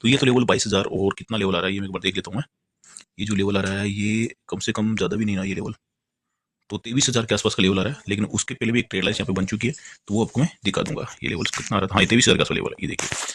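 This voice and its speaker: A man's voice: on the low side, steady tone, a bit bright, a little hiss or hum. A man walking viewers through market charts, rambling and constantly pointing out "look here". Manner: repeatedly points things out, keeps saying "look here"; rapid rambling explanation with fillers and restarts. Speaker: stock market analyst. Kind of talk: screen-share chart walkthrough.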